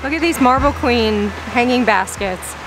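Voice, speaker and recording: A young woman with a slightly high voice vlogs her plant shopping in a large greenhouse nursery, excitedly gushing over plants and reading prices aloud at a moderate pace. Filmed on a handheld phone camera, the low-quality recording carries music and steady background noise.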